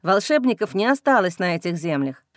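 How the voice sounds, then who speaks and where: A woman's voice: mid-range voice, fairly quick, dry recording, clean studio sound, close to an everyday voice. A woman voicing a cold, indifferent male werewolf warrior in an audiobook. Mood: cool. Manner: calm, dismissive. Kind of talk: audiobook character reading.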